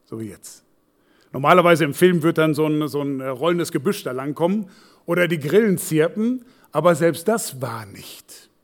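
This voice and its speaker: Pastor with dramatic hushed-to-loud sermon delivery. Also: male voice, on the high side, expressive, normal speed. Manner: dramatic swings from hushed to loud, acting out quotes.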